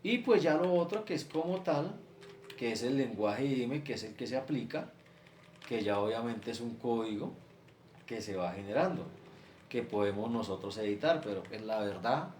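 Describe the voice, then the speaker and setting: A man's voice: medium pitch, expressive, normal speed, a little mellow. A male teacher, explaining a spreadsheet lesson step by step and stacking example after example. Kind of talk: screen-share class lecture. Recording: echoey room, faint ambient noise.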